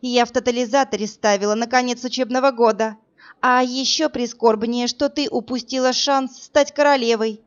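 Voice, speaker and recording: A woman's voice: on the high side, steady tone, normal speed, lo-fi sound, voice pushed up, lightly acted. A woman doing a drawling spiteful gossip girl. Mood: sneering. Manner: drawling, sneering. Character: spiteful young woman student, sly gossip.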